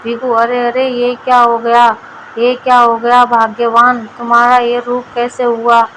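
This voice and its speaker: A woman's voice: on the high side, monotone, measured pace, a bit bright, a little hiss or hum, rough recording. A woman voicing a simple village husband. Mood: alarmed. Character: simple-minded village husband, scheming then worried.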